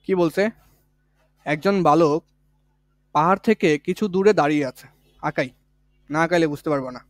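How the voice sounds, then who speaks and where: A man's voice: on the high side, moderate pace, no echo, clean studio sound. A man teaching physics in for exam prep, explaining step by step and repeating the key points in a casual, colloquial way. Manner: colloquial, with village words. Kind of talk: online exam-prep lesson.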